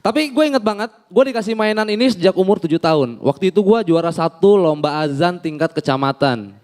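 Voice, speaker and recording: Animated high-voiced young comedian. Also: male voice, brisk. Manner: animated storytelling, acting out characters in shifting voices. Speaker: stand-up comedian. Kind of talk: stand-up comedy set.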